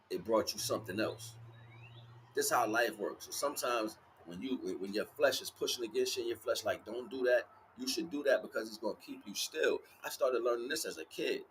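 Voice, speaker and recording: A fairly low, slightly bright male voice belongs to an American livestream host giving a spiritual talk. He speaks informally and emphatically, repeating himself and using street slang. There's noticeable ambient noise in the background.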